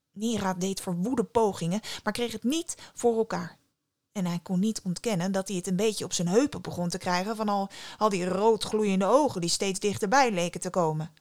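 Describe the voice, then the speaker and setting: A woman narrating a folk tale in a hushed, dramatic storytelling manner. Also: medium pitch, moderate pace, dry recording, studio quality.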